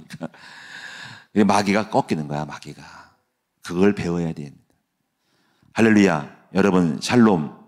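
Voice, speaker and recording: A man's voice: deep voice, darkish tone. A middle-aged male pastor giving a chatty, folksy sermon that builds into a fervent prayer. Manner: folksy, chatty preaching with laughs and asides.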